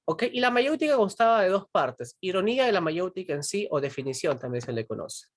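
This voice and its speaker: Low-voiced woman teaching. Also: animated, quick pace, dry recording, clean studio sound. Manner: constantly checks in with students, asks rhetorical questions and pushes them to answer. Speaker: philosophy teacher. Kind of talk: online pre-university class.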